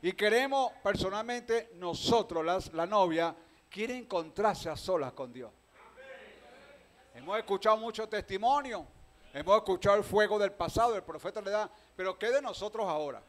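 A man with a Venezuelan accent preaching a sermon, calling out questions to the congregation and swinging between loud proclaiming and quiet talk. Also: high-pitched, lively intonation, normal speed. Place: church hall.

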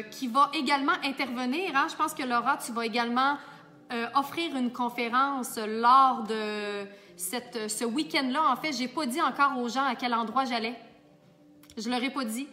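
A Québécois woman, a makeup artist and teacher, chatting warmly and enthusiastically to her viewers in a casual vlog. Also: on the high side, in a large hall. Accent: Québécois French. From Quebec. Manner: warm, enthusiastic, talks straight to viewers.

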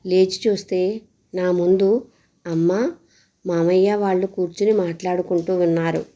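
A woman narrating a first-person horror story with a slow, hushed, suspenseful delivery. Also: fairly low pitch, steady tone, dull audio.

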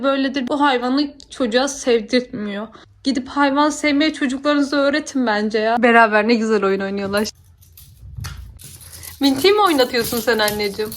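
A woman's voice: high voice, a bit bright. A woman vlogger talking casually to her viewers about her day. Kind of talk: casual vlog narration to viewers.

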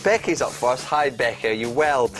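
A man's voice: medium pitch, animated, normal speed, soft background music. A man, a comedian and presenter, hosting a comic sketch in a dry, sarcastic way.

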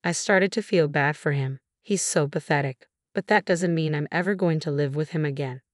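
A woman narrating a first-person story in a steady, measured reading voice. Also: deep voice, no echo, clean studio sound.

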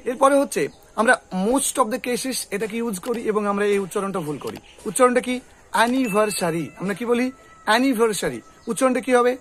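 A man's voice: high-pitched, a little hiss or hum. A man teaching English pronunciation, repeating words and quizzing a student. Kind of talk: tutoring lesson with a student.

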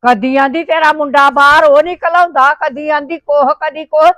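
A woman's voice: high voice, steady tone, moderate pace, a bit bright, no echo, clean studio sound. An actress playing a quarrelsome older village woman who keeps demanding her lease money, with a Punjabi accent. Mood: scolding. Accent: Punjabi, Doabi. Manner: scolding, insistent complaining. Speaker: older neighbour woman (taai) in a village feud.

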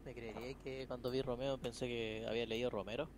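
A man's voice: medium pitch, little pitch movement, fast talker, crowd noise. A man with a Chilean accent chatting casually and using slang as a player in an online military game. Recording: clear noise under game voice chat.

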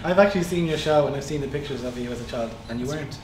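A man's voice: mid-range voice, rapid-fire. A man in his thirties with a Dublin accent, bantering and coaching casually. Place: converted rustic room used as a photo studio. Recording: very noisy echoey room, clicks.

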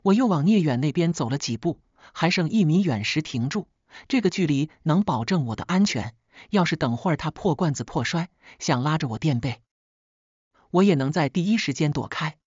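A woman narrating a scripted first-person story in a steady, sharp-tongued way. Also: deep voice, moderate pace, husky, no echo, muffled recording.

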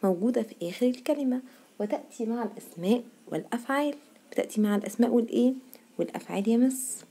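A woman's voice: on the high side, animated, very fast, mellow, breathy edge. A woman teacher with an Egyptian Arabic accent gives a grammar lesson to young children. She asks the class questions patiently and then answers them in the pupils' voice. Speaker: primary school teacher.

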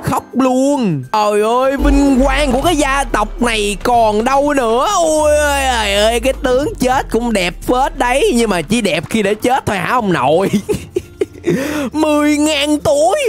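A woman giving excited, playful Minecraft gameplay commentary, laughing often and rapidly repeating words. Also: sits high, soft background music. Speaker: gaming channel host.

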